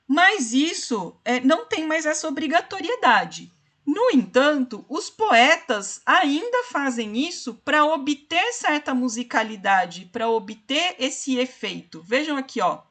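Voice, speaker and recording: A woman's voice: high-pitched, a bit bright. A woman teaching a literature class, explaining poem structure and counting syllables aloud to her students. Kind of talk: online class lecture.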